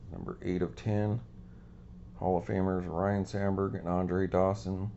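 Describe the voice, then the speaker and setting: A man with a deep voice talks a little slowly and flatly, with vocal fry and a dark tone that's slightly scratchy today. As host of a card collecting channel, he casually shows his cards, rambling with many ums, in lo-fi sound.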